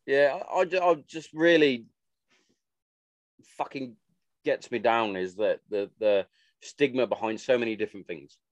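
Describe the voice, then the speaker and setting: A man's voice: mid-range voice, a little slow, pauses often, no echo. A man hosting a podcast, chatting informally in a blunt, sweary way. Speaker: podcast host. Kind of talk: casual chat.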